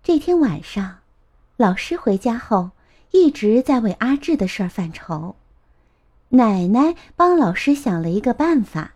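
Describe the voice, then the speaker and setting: A woman narrating a children's storybook in a gentle, expressive way. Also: fairly high pitch, a little slow.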